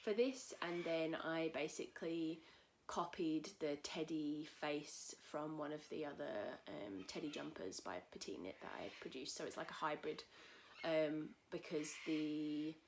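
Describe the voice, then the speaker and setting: A woman hosting a casual knitting podcast from home, a little husky from a cold, chatting in a rambling way with many fillers. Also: low-pitched, unhurried, few pauses, slight background noise. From England. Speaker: podcast host. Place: at home in a tiny house. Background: cockatoos calling outside.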